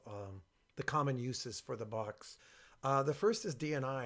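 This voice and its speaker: A man presenting informally and explaining his work, speaking with a box over his head, in a creaky voice. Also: mid-range voice. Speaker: workshop creator and presenter.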